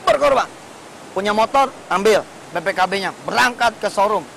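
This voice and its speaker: Man, Islamic preacher, high voice, lively colloquial storytelling, rhetorical questions. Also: brisk, gravelly, slight background noise, low-quality recording. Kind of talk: sermon.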